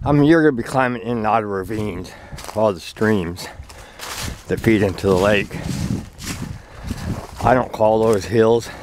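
A man talking casually while walking a woodland trail, filming from behind a handheld camera, relaxed and chatty with fillers. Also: on the low side, unhurried, pauses often, background noise. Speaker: hiker filming a trail walk. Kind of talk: casual vlog narration. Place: outdoors on a leafy woodland trail. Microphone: handheld camera, speaker behind it.

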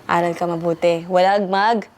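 A woman's voice: on the low side, steady tone, moderate pace, darkish tone, a little hiss or hum. A woman speaking as a parent figure, scolding and asking pointed questions in a stern lecture. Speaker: parent figure counseling a youth.

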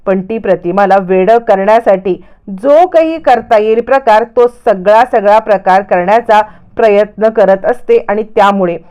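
A woman casually retelling a TV serial's plot, narrating lively and slipping into the voices of the characters. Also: mid-range voice, clear, resonant tone, highs cut off. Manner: lively storytelling with quick shifts into voices. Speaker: storyteller.

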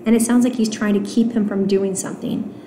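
A woman teacher reading a novel aloud to her students, stopping for gentle explanatory asides with fillers. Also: medium pitch, fairly even intonation, fairly quick, a little hiss or hum. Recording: roomy echo.

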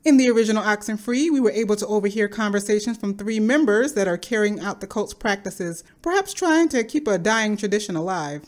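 A woman giving a scripted, explanatory narration in a measured, speculative manner. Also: medium pitch, expressive, a little mellow. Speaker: video creator narrating a game theory.

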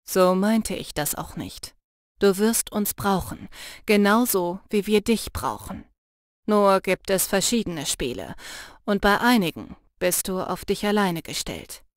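A woman reads an audiobook part as a young male shapeshifter, intense and protective, speaking low, earnest and urging, and softly when he teases. Her delivery is expressive and unhurried in a natural voice, recorded at studio quality with no echo.

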